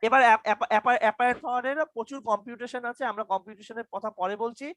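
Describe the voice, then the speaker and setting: A man's voice: very high-pitched, fairly even intonation, rapid-fire, a bit bright, no room sound. A young man teaching an online university lecture over a video call. He stammers, repeats his questions and quizzes his students. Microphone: computer mic on a video call.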